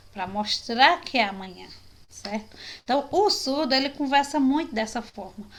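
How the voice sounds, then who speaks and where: A woman's voice: fairly high pitch, a bit bright. A woman from teaching an online sign language class over a video call, explaining patiently and often ending phrases with a questioning tag. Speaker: sign language course instructor.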